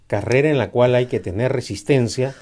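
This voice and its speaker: A man's voice: medium pitch, a little fast, darkish tone. A man, giving emphatic, critical political commentary in a discussion, with frequent "eh" fillers.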